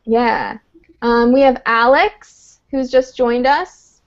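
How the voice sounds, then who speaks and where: A woman's voice: on the high side, steady tone, slow pace. A woman teaching an English class online, explaining patiently step by step with frequent "um"s. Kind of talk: live online lesson. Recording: dull lo-fi online call audio.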